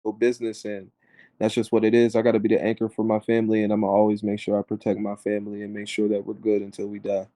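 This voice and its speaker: A man, a rapper being interviewed, telling his story in animated casual talk, full of filler words. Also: on the low side, fast, dry recording.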